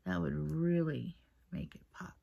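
Woman beauty vlogger, slow husky voice, half-whispered, camera mic, casual makeup chat. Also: low voice, highs cut off. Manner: soft, half-whispered, rambling and apologetic. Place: at her mother's place. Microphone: built-in camera mic, no separate mic.

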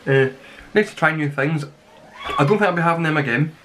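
A man in his twenties giving a rambling, casual review to camera, grumbling in a deadpan way. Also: a little high, a little fast. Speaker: snack reviewer. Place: small plain room indoors. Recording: clearly noisy home recording with clicks.

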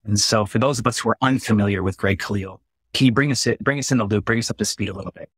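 Man, forties, video call host; sincere, flowing intros, slightly husky low voice, dry close sound. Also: fast, a bit bright, no room sound. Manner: earnest, heartfelt, flowing. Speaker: interviewer and peacemaking trainer. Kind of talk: virtual conversation, earnest introduction. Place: small room with curtained window. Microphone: phone or webcam close up.

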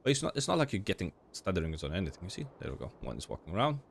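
A young gaming channel host with a cold explains game settings over his gameplay, rambling informally with lots of fillers and restarts. His low, creaky, slightly crackly voice is very animated and rapid-fire.

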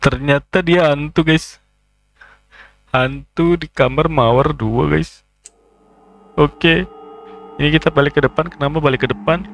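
A gaming YouTuber talks his way through a horror game in a relaxed let's-play, chatting with viewers, cracking jokes and getting spooked easily. His voice is fairly high and a bit slow, with frequent pauses and no audible room sound.

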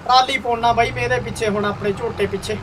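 Very high-pitched young man, hearty banter. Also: fairly even intonation, fast talker. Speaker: gaming video host. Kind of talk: casual gameplay commentary. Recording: distant mic, faint background noise.

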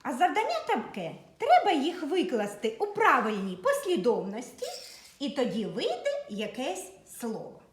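A woman teacher walks young children through a literacy lesson, spacing her words slowly and clearly. Her voice sits a little high and moves a lot in pitch. The sound carries the echo of a reverberant room. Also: huge pitch swings. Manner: slow, clear, patient dictation to young pupils.

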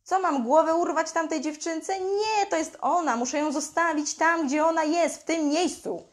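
A woman giving blunt, emphatic parenting advice to camera, using mild slang and acting out what parents say. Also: very high voice. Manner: acts out parents' lines in quick mimicking voices. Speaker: parenting coach. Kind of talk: direct-to-camera advice talk.

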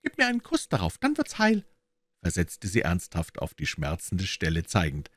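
A man voicing a pale little girl of about five in an audiobook, with a high childlike falsetto and a plaintive manner. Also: wildly swooping pitch, moderate pace, dry recording, exaggerated voice. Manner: plaintive, then bright and eager. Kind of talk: audiobook character voice.

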